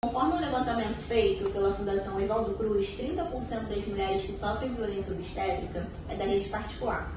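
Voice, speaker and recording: A woman's voice: mid-range voice, fairly quick, hardly any pauses. A woman reading a scripted narration of survey data. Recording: very echoey room, distant mic, noisy.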